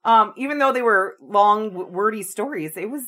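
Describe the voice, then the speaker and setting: A woman's voice: medium pitch, moderate pace, a bit bright. A woman co-hosting a podcast in casual chat, chatty as she reads out plugs and links for listeners. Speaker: podcast co-host.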